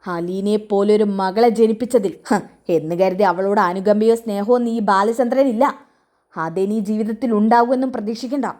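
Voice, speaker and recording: A woman voicing a stern, bitter middle-aged man who gives gruff orders to his companion. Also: medium pitch, fairly even intonation, moderate pace, mellow, close to an everyday voice.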